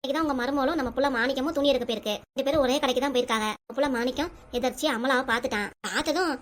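A woman voicing an aggrieved middle-aged mother in a cartoon comedy, with a southern Tamil accent and rapid, indignant complaining. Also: high-pitched, lightly acted. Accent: southern Tamil, Tirunelveli.

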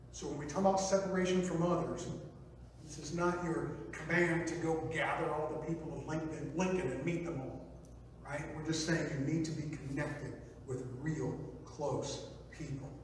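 A Midwestern American man preaching in a big church hall, his fairly high voice carrying out over the pews. He teases and jokes with the congregation as he talks. The sound is distant and echoey, with a long reverb tail. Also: slight background noise. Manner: playful, teasing the congregation. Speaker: pastor. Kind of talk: sermon.

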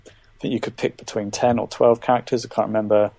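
A man's voice: lowish voice, little pitch movement, quick pace, creaky, dark tone. A man co-hosting a gaming podcast in casual chat, enthusiastic and agreeable. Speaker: podcast co-host.

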